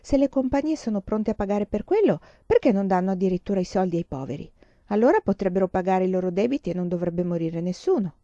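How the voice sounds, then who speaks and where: A woman voicing a spirited, stubborn little girl in a storybook reading, speaking high and insistent. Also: expressive, fast, dark tone, no echo, dull audio, close to an everyday voice. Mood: pleading.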